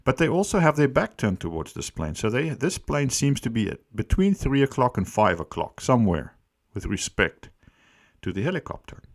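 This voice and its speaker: A male host delivers unscripted commentary analyzing an accident, explaining things deliberately and with emphasis, repeating phrases to drive points home. His voice is medium-pitched with big pitch swings.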